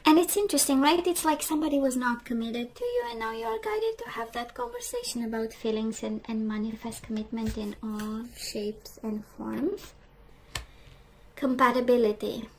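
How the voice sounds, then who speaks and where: Hoarse woman giving a tarot reading. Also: fairly high pitch, expressive, moderate pace, a little hiss or hum, poor audio. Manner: chatty, reflective, frequent "right?" and "we do have". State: losing her voice, clearing throat. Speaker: tarot reader. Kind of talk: casual tarot reading to camera.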